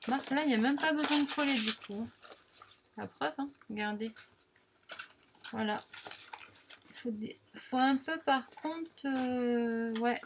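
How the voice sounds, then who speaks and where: Casting: talkative woman, slightly high voice, casual crafting demo, faint table clatter behind. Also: noisy background. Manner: chatty, self-deprecating, frequent filler tags. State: has the hiccups. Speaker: crafting vlogger.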